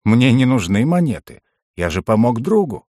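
A man's voice: lowish voice, expressive, fairly quick, no echo. A man voicing an eager, pleading male street friend, in a dry audiobook read. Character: nervous male street kid turned friendly adult.

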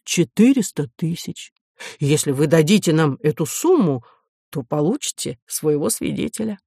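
A woman doing a smooth, polite young swindler. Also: sits low, very animated, normal speed, warm tone, no room sound, clean studio sound, full character voice. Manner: courteous and self-assured.

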